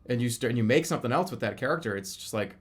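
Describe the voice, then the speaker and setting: Rapid-fire and lively in intonation, a medium-pitched man in his thirties rambles through casual chat on his livestream, often going back to restart or repeat his phrases.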